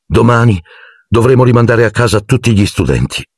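A man's voice: medium pitch, expressive, a little fast, slightly rough, dry recording, studio quality, voice pushed up. A man voicing a strict older woman professor who speaks firmly and clipped. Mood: grave. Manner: firm, clipped.

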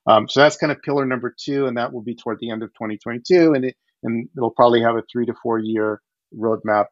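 Speaking quickly in a mid-range voice, a Ukrainian-born startup founder in his forties gives a casual video-call interview from his living room, gesturing energetically and often restarting sentences. He uses a headset, so the audio is dull and dry, with no room sound.

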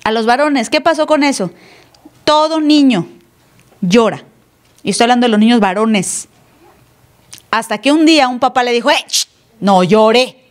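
A woman pastor delivers a sermon to her congregation in an easy, conversational way. She acts out the dialogue she quotes and often puts questions to the listeners. Her voice sits a little high. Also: lively intonation, moderate pace, long pauses. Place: church. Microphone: live stream.

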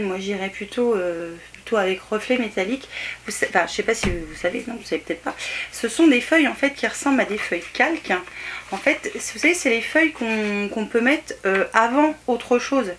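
This haul vlogger's voice is a little high and a bit bright, with a slight hiss or hum in the audio. She's a woman in her thirties from France, casually showing off her shopping finds from a small bedroom set at home, sounding excited yet unsure and using lots of fillers.

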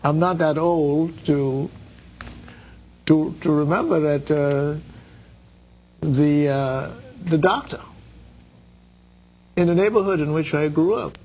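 Halting older man interviewing. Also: on the high side, darkish tone, muffled recording. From Bahamas. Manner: halting, with many repeated words and fillers. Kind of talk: studio interview. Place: dark TV studio. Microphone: lapel mic.

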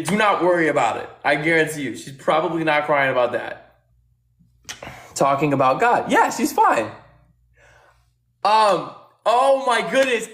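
A man hosting a livestream, repeating phrases and shouting countdowns to rally his viewers. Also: a little high. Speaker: livestream host. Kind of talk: hyping viewers during a live battle. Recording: echoey room with faint music.

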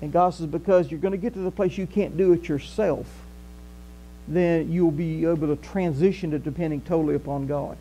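Talking a little fast in a higher voice, an elderly Southern pastor delivers a chatty sermon in a modest church hall. He moves around the stage with lively gestures, and a faint electrical hum sits under the recording.

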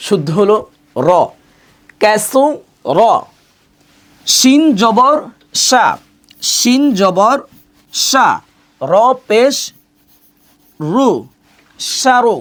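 A Quran reading teacher giving an online lesson, patiently spelling out Arabic letters and vowel marks syllable by syllable and repeating drills. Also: mid-range voice. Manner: patient, asks questions to the learner and answers them.

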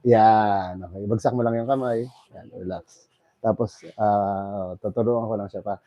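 A man working as a bone setter, calmly coaching a client to relax, breathe in and breathe out. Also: on the low side, unhurried, muffled recording. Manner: coaxing, repeats calm instructions. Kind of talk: guiding a client through a massage.

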